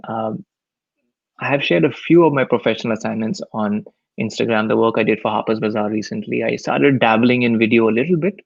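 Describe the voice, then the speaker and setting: A man's voice: lowish voice, brisk, creaky, no room sound, highs cut off. A man with an Indian accent speaking casually and candidly as a guest on a live stream, self-effacing in manner. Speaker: photographer and teacher, webinar guest.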